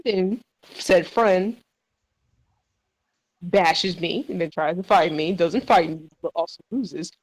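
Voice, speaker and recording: A young woman co-hosting a podcast, telling a story in animated, slangy casual chat. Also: fairly low pitch, slow, pauses often, rough recording. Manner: animated storytelling, slangy, says "bro" and "dude". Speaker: podcast co-host.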